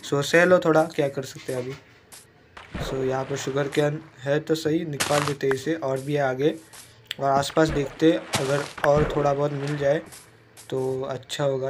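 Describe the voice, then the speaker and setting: A man's voice: a little high, a little hiss or hum. A young man with a sore throat from a cold, giving casual gameplay commentary and mixing English phrases into his talk. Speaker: gaming YouTuber.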